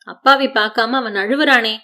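A woman's voice: fairly high pitch, moderate pace, pushed and bright. A woman voicing a distraught, confused young mother in an audiobook short story, pleading and bewildered.

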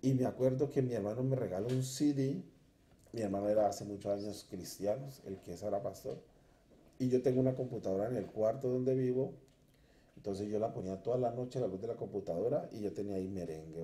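A man's voice: lowish voice, fairly quick, dark tone, roomy sound. A man sharing his personal conversion testimony in a church interview, telling it earnestly and acting out his past self.

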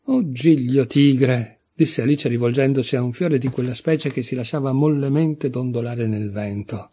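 A man reading a storybook aloud as an audiobook narrator, calm and measured. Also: medium pitch, husky. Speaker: audiobook reader.

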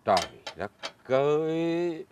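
A man's voice: fairly high pitch, animated, takes it slowly, darkish tone, lo-fi sound, slight background noise. A meek old fisherman. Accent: Southern Vietnamese. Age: older. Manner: chuckling, hesitant fillers. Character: poor old fisherman, meek, easygoing, laughs a lot. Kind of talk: fairy-tale drama acting.

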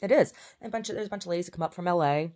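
A woman's voice: on the low side, racing, darkish tone. A woman vlogging in a casual, rambling way, often trailing off and restarting her sentences.

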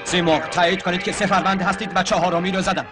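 A wingman pilot reporting over the radio in clipped, fairly high calls. Loud film music runs beneath him. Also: little pitch movement. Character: young male wingman pilot reporting hits. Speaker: fighter pilot.

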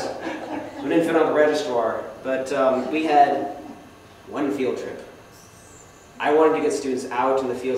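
A young man giving a casual slideshow talk to a club, self-deprecating and asking the audience questions. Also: medium pitch. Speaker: guest speaker. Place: meeting hall. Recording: echoey hall, speaker far from the mic, faint noise.

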